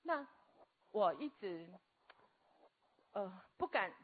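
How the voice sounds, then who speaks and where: A woman, telling a personal story earnestly and haltingly as a guest. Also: medium pitch, sing-song, husky. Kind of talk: personal testimony. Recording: tinny phone-like audio.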